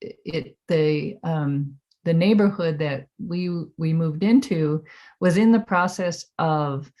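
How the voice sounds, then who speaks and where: An American woman in her seventies reminiscing in an oral history interview, halting and reflective as she recalls. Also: sits low, darkish tone, highs cut off. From Minnesota, United States. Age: 70s.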